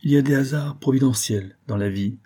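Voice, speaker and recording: A man reading an audiobook and voicing a loyal gentleman baron who explains matters calmly and persuasively. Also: mid-range voice, fairly quick, slightly rough, pitched above the performer's own voice, close to an everyday voice.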